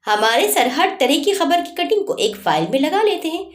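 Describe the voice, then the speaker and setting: A woman's voice: sits high, very animated, moderate pace, voice pushed up. Woman doing a talkative male house servant, roomy echo. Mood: chatty.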